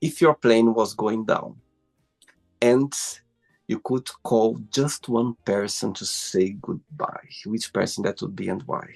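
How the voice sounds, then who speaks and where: A man's voice: fairly low pitch, steady tone, slow, vocal fry, a little mellow, soft background music. Playful male host asking questions. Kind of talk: casual interview conversation. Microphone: video call.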